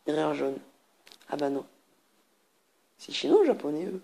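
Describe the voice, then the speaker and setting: Low-pitched and very animated, this woman talks at a moderate pace over some background noise. She's a gamer and video host doing let's play commentary on an online party card game, reading cards aloud, laughing often, and making crude jokes.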